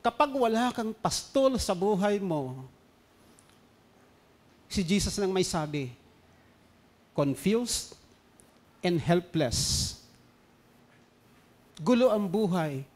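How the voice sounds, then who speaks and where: A man with a Filipino accent preaching a sermon as pastor, switching between loud emphasis and quiet storytelling. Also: sits high, expressive, takes it slowly, long pauses.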